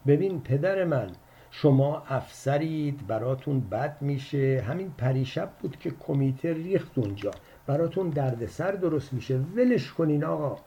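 A man voicing a tired, trembling old uncle with a thick Turkish accent, pleading slowly on the phone in an audiobook story. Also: fairly high pitch, expressive, mellow, lo-fi sound, pitched above the performer's own voice. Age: older. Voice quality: trembling, shaky. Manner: pleading, slow and wordy.

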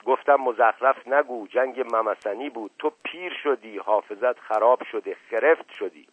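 A man reading aloud, voicing a pompous, hot-tempered older uncle who boasts of old battles and shouts down interruptions. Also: medium pitch, breathy edge, dry recording, lightly acted. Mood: angry. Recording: dry, narrow phone-like sound.

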